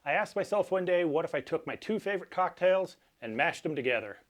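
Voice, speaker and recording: A man hosting a cocktail tutorial, explaining each step in a measured, instructional way. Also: on the high side, expressive. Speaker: cocktail channel host. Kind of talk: cocktail recipe tutorial presentation.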